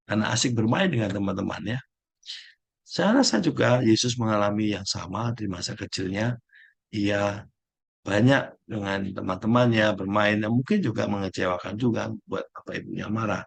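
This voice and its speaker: A middle-aged man, a Jesuit priest, giving a slow, gentle spiritual reflection with searching pauses. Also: fairly low pitch, gravelly, husky.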